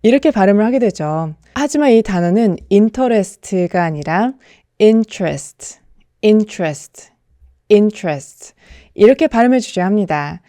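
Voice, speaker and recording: A woman's voice: mid-range voice, lively intonation, normal speed, hardly any pauses, warm tone, no room sound. A young adult woman giving a scripted pronunciation lesson, carefully repeating model words and explaining between them. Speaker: English pronunciation teacher.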